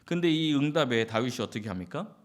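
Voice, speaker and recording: Speaking fast and expressively in a mid-range voice, this male pastor preaches his Sunday sermon like a conversation. He puts questions to the congregation and performs brief quotes.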